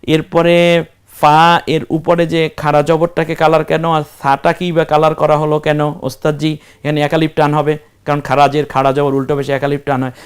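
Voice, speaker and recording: A man's voice: on the high side, completely flat delivery, moderate pace, clear, resonant tone. A man teaching Quran reading, asking questions and answering them himself while spelling out letters one at a time. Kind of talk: step-by-step recitation lesson.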